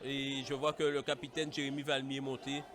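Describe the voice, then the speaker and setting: A man commentating live on a football match in a halting, repetitive way. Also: medium pitch, flat delivery. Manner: hesitant, halting delivery with repetitions. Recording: outdoor stadium, crowd noise behind. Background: crowd.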